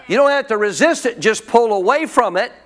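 A high-pitched male pastor preaches a sermon, teaching in a loose, colloquial style. Expressive and a little fast, he keeps prompting the congregation to answer him back in call-and-response fashion.

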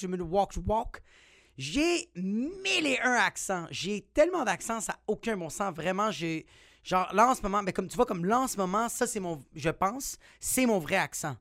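A man's voice: sits high, no echo, clean studio sound. A young man with a Quebec French accent doing a playful, profanity-laced comic monologue on his podcast. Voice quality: swears a lot, animated and playful. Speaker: podcast host.

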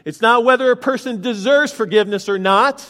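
Working through scripture verse by verse, this male pastor asks his congregation pointed questions during his sermon. He speaks a little fast in a very high, fairly bright voice, echoing with long hall reverb.

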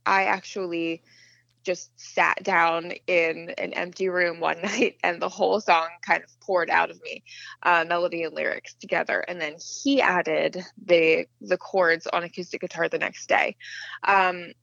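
Slow, gravelly woman on a phone line. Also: lowish voice, little pitch movement, a bit bright, no echo. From Western Maryland, USA. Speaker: singer-songwriter guest. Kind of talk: interview over the phone. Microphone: telephone.

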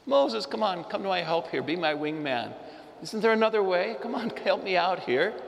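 A man's voice: sits high, lively intonation, moderate pace, vocal fry, long reverb tail, pitched above the performer's own voice. A man voicing a reluctant male savior who pleads and complains. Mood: pleading.

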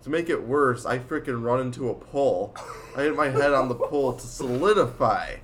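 A man's voice: medium pitch, a little fast, fairly bright tone. Teen boy, casual chat, rambling, filler-heavy, faint background hiss. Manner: rambling, laughing, lots of likes. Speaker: student storyteller.

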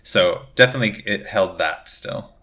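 A man's voice: fairly low pitch, normal speed, bright, forceful tone. A man co-hosting a podcast, chatting casually and emphatically, peppering his talk with "like". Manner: emphatic, conversational, with frequent "like". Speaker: podcast co-host. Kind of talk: casual podcast chat about a TV series.

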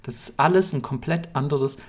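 A man's voice: on the high side, normal speed. A young German man co-hosting a podcast, chatting casually and enthusiastically in slangy, rambling runs. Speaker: podcast co-host. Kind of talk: casual chat.

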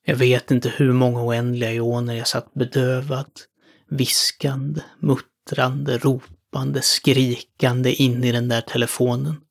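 A man solemnly narrating a horror story in the first person, with a measured delivery. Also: mid-range voice, level tone, creaky.

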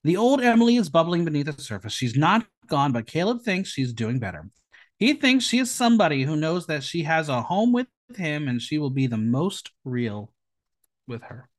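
At a normal speed, a man with a slightly high, very animated voice hosts a podcast recap of an episode. His narration is playful and theatrical, and he keeps tossing out rhetorical questions.

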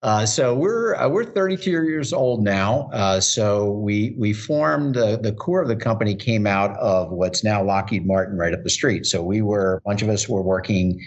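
A man's voice: lowish voice, lively intonation, normal speed, few pauses. A middle-aged man, a company co-founder, telling his story casually as an interview guest.

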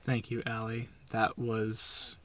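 A man's voice: on the low side, monotone, slow, a bit bright, no echo. A man hosting a podcast, easygoing, speaking straight to his listeners and guiding the talk. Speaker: podcast host. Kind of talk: casual podcast chat.

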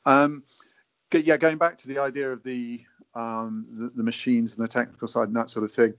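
A man's voice: mid-range voice, flat delivery, normal speed. A man talking thoughtfully and hesitantly in conversation, often repeating words as he works out a point. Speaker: natural navigation advocate, guest. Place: indoors in a wooden cabin. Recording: dull, muffled lo-fi audio.

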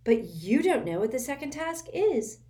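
Woman reader doing a frantic, tired teenage boy, breathless questions, a bit higher than her narration. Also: very animated, normal speed, warm tone, far from the mic. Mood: anxious, frantic.

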